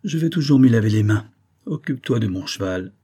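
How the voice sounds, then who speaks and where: A man's voice: mid-range voice, expressive, fairly quick, mellow, breathy edge. A man voicing a cunning male rogue disguised as a valet, giving orders in a bossy tone in an audiobook reading. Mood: commanding. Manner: bossy, commanding tone toward servants.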